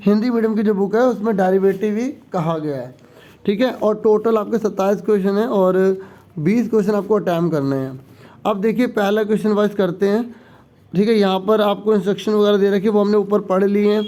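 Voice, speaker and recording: High-voiced male teacher, patient. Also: mellow. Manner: explanatory, repeats "theek hai", reads English questions slowly then explains. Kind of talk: exam-prep lesson, explaining a sample paper.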